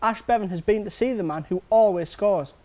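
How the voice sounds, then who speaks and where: High-voiced male sports newsreader. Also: brisk, dark tone. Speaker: sports news presenter. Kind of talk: scripted news reading.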